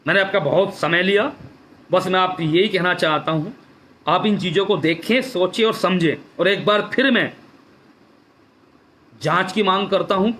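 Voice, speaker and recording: A man's high, somewhat bright voice carries an impassioned activist address over a Facebook live stream via phone or webcam. He repeats himself and asks rhetorical questions with fervor, and there's slight background noise.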